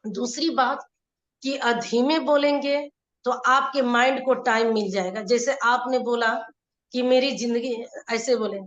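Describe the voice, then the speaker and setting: Higher-voiced woman coach in an echoey room. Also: steady tone, measured pace, a bit bright, highs cut off, a little hiss or hum. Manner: explanatory, repeats points, addresses viewers directly. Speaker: life coach. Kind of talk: live online teaching session.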